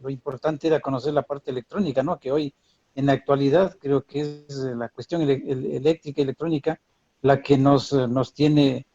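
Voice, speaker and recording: Lube shop owner talking slow, eh eh, warm voice, kinda dull audio. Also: male voice, medium pitch, fairly even intonation, no echo. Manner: halting, many "eh" fillers. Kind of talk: casual testimonial.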